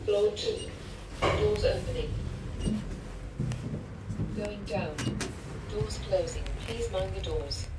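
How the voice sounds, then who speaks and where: A recorded woman's voice giving automated lift announcements over a loudspeaker, in flat, clipped phrases. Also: mid-range voice, slow pace, long pauses, low-quality recording. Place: inside a glass lift in a public building. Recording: lift speaker off-mic, clear crowd noise.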